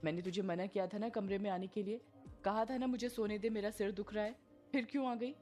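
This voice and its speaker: A woman's voice: mid-range voice, fairly even intonation, fairly quick, soft background music, natural voice. A woman voicing a panicky middle-aged village man who hides his fear by barking orders at his wife. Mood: bullying. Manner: fearful muttering, then bossy shouting.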